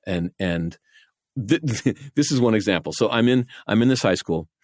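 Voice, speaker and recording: A man co-hosting a podcast, telling a story in a casual, animated and self-mocking way, laughing often. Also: lowish voice, normal speed, dry recording, clean studio sound. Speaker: podcast co-host and actor.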